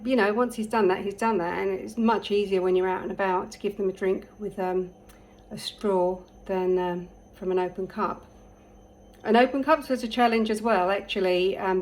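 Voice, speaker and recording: A woman's voice: medium pitch, low-quality recording. A middle-aged woman, a parent telling stories and giving advice in a casual, chatty way with frequent ums and small laughs. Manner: warm storytelling, laughs often, many ums. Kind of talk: casual talking-to-camera advice.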